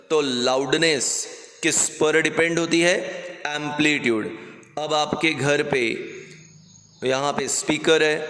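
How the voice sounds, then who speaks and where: Slow-dictating male teacher in echoey room. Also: a little high. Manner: slow dictation of definitions, varies loudness to demonstrate. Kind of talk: classroom science lesson. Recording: echoey room with long reverb.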